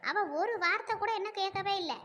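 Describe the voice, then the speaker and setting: A woman's voice: very high-pitched, brisk, a bit bright, a little hiss or hum. A woman voicing a stern, scolding village mother in a cartoon who nags and threatens her daughter. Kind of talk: cartoon dub acting.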